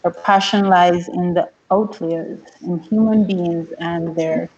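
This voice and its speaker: A woman presenting at an online meeting, reading film synopses and filmmaker bios in a steady, careful way. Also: fairly low pitch, slow. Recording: dull lo-fi online meeting audio.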